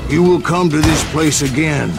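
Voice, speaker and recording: A man's voice: a little high, moderate pace, gravelly. An actor playing an old, weathered American gunslinger who tells his Wild West tales in a folksy, rambling drawl. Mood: ominous. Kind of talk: storytelling narration in a western game. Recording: loud music behind the voice.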